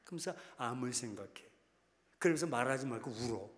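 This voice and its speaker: A man with a high-pitched voice preaches in a loose, conversational way, teasing his listeners. He swings into fervent, dramatic prayer voices as examples. His words ring out with a long reverb in a large prayer hall. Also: expressive, a little slow, a bit bright. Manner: conversational preaching, teasing the congregation, rising to impassioned acted prayers. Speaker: pastor. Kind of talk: sermon.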